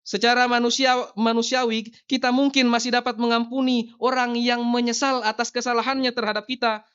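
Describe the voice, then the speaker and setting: Preacher, male, young adult; high resonant voice, emphatic storytelling delivery, muffled church livestream sound. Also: flat delivery, fairly quick, fairly bright tone, clear, resonant tone. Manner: addresses the congregation often, anecdotal and emphatic. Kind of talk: sermon. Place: church sanctuary.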